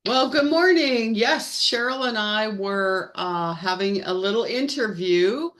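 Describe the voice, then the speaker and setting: A woman co-hosts a casual live-stream chat, drawing out her words slowly like a show announcer. Her voice is mid-range and fairly bright, with lively intonation.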